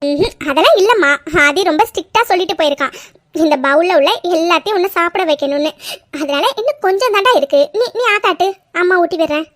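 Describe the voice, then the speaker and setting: A woman's voice: extremely high pitch, animated, quick pace, a bit bright, dry recording, clean studio sound. A woman voicing a fussy, doting middle-aged mother in a cartoon who coaxes someone to eat. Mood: coaxing. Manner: coaxing, insistent. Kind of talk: cartoon voice acting.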